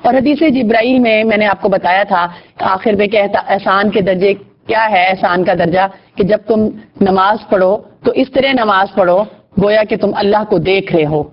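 A woman's voice: mid-range voice, highs cut off. A woman teaching a religious lesson to girls, asking rhetorical questions and often adding tag questions.

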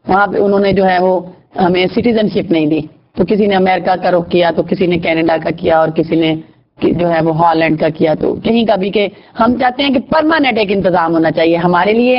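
Woman teaching a religious lesson, dull audio. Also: medium pitch. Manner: asks rhetorical questions, often adds tag questions.

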